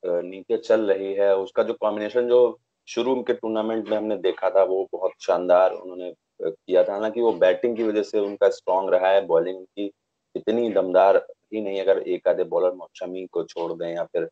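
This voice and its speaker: Low-pitched with fairly even intonation and normal speed, a young adult man hosts a cricket discussion over video call in a conversational style. He often hesitates, searching for words, while the dull lo-fi audio comes from a small indoor room.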